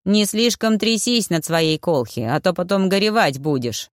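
A narrator voicing a loud, mocking male cleaner who calls out in an audiobook. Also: mid-range voice, expressive, moderate pace, no echo, studio quality, natural voice. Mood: teasing. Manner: shouting, teasing. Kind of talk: audiobook character voice.

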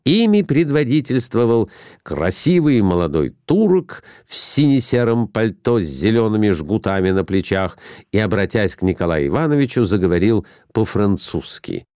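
A man narrating classic prose aloud in an expressive, theatrical reading style. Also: lowish voice, normal speed, no room sound, studio quality. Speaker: audiobook reader.

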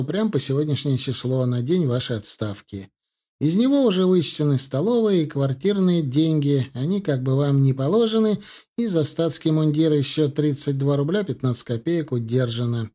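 Guy doing a fussy polite treasurer counting money, a bit higher voice. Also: expressive, normal speed, dark tone. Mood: deferential. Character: fussy, deferential male army treasurer.

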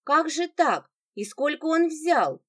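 A woman's voice: high-pitched, very animated, takes it slowly, fairly bright tone, pitched above the performer's own voice, exaggerated voice. A woman voicing a flustered indignant man. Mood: agitated. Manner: agitated, exclaiming. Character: flustered indignant adult brother-in-law.

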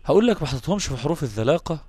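A man's voice: a little high, big pitch swings, rapid-fire, warm tone, husky, no echo. A man with an Egyptian Arabic accent teaching Quran recitation in a live online lesson, explaining patiently, repeating terms and checking in with his listeners.

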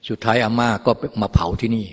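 A middle-aged man, a Buddhist teacher, giving a dharma talk in an animated storytelling way, full of rhetorical questions. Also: fast talker.

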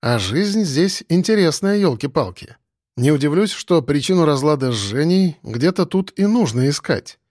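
A man's voice: a little high, lively intonation, normal speed, darkish tone, no room sound, studio quality. Wry male audiobook narrator. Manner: wry, conversational. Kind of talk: first-person audiobook narration.

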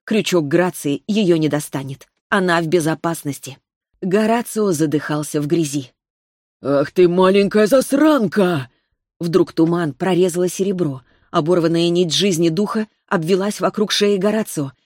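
A woman with a lowish voice narrates a fantasy audiobook. She reads at a steady, measured pace. The recording is dry and close, with no room sound. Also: no room sound.

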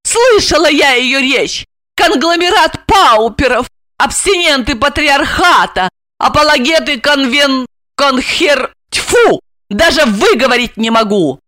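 A woman voicing a fiery young housewife heroine in an audiobook, loud, sarcastic and high-pitched. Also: lively intonation, slow, dry recording, exaggerated voice. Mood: indignant, mocking. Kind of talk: audiobook character voice.

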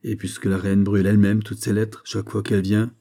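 A man reading aloud, giving an older woman nurse's lines in a calm, matter-of-fact way. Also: on the low side, fast talker, gravelly. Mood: practical.

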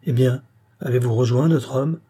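Dutiful guard lieutenant, eager to serve, read by a man, dark and raspy. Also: mid-range voice, moderate pace, lightly acted. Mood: keen.

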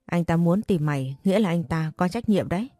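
A woman's voice: on the low side, expressive, fairly quick, warm tone, no room sound, studio quality, close to an everyday voice. A woman voicing a blunt, coarse young woman who is the narrator's best friend, in an audiobook story. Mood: pushy.

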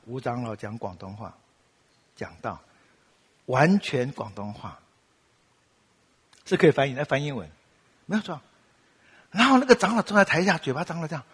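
This pastor from Taiwan has a husky, medium-pitched voice, speaking at a moderate pace with long pauses and a lingering reverb tail. His sermon is full of stories, and he lively performs quoted voices, laughing as he goes, in a Taiwanese Mandarin accent.

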